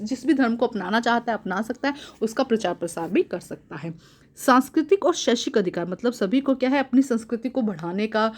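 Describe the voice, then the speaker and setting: A fairly high-voiced woman teaches from a worksheet. She reads each point aloud, then explains it again more simply, with English words mixed in. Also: a little mellow.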